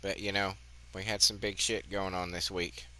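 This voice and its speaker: Man, fifties, gaming host, rambling, profane, slightly muffled, low, bright. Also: flat delivery, normal speed, smooth. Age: 50s. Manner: rambling, profane, chatty asides. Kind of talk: casual game commentary.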